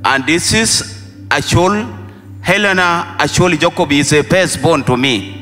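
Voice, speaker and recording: A man from Sudan, a pastor speaking slowly with halting pauses. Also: a little high, sharp tone, long reverb tail, soft background music. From South Sudan. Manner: slow, halting, with many pauses. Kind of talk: thankful speech.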